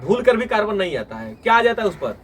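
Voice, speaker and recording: A man's voice: high-pitched, sing-song, fast, a bit bright, far from the mic. Man teaching a class. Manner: asks students questions and has them answer back. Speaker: tuition teacher. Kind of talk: classroom lecture with questions to students. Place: small classroom with students. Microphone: phone recording the class.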